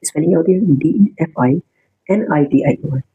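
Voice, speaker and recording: Gravelly-voiced man teaching spelling. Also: on the high side, normal speed, phone-quality sound. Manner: repeats each word and spells it letter by letter; addresses viewers directly, explaining meanings. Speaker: exam prep teacher. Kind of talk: spelling lesson, spelling words out.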